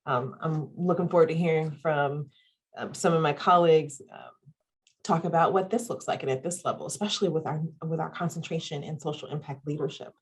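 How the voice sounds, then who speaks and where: A woman with a deep, slightly breathy voice presents and moderates an online panel over a video call as a webinar. She talks a little fast and sounds upbeat, listing items and saying "um" frequently.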